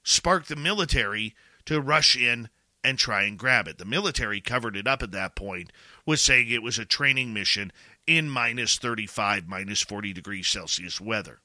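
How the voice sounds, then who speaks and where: A Canadian man giving opinion commentary in an emphatic, deliberate way, posing rhetorical questions and pausing for weight. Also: on the low side, bright, forceful tone, dry recording, studio quality.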